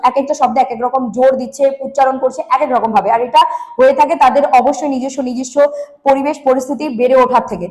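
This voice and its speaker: A woman with a Bengali accent teaches an online exam-prep lesson in a high voice, speaking quickly. She keeps asking questions and answering them herself. She drives her points home by repeating them with emphasis. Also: darkish tone, rough recording. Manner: repetitive, emphatic.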